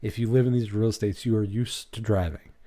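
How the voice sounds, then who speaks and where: A man's voice: on the low side, steady tone, a little fast, mellow. A man with a Maine accent giving blunt, rambling reaction commentary as host of his channel.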